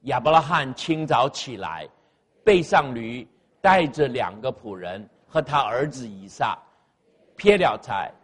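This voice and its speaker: A husky, mid-range voice with lively intonation moves a little slowly as a pastor delivers a sermon on an amplified microphone in a church sanctuary with a sound system. He repeats key phrases for emphasis and asks the congregation to reply aloud.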